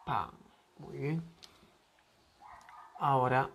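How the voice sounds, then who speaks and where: A man giving a pronunciation lesson at an unhurried, deliberate pace. He repeats each word patiently for his students to practice. A faint hiss of noise sits under his voice. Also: mid-range voice, gravelly, a bit bright. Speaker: English teacher.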